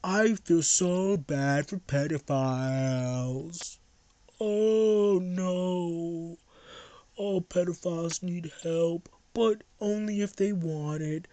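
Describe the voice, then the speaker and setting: A streamer doing a mocking impression of a dim, evasive man who stammers out slow, lame excuses. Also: medium pitch, mellow, no room sound. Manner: slow, halting, mocking delivery.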